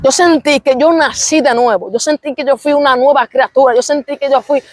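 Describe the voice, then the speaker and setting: A woman's voice: high-pitched, fairly quick, no echo. A young woman tells her religious testimony in an interview, fervent and repetitive, breaking into praise. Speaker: interview guest.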